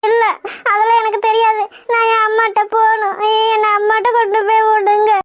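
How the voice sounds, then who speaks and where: A woman's voice: extremely high pitch, level tone, brisk. A woman voicing a tearful frightened young woman. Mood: pleading, tearful. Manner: pleading, tearful. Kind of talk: cartoon voice acting.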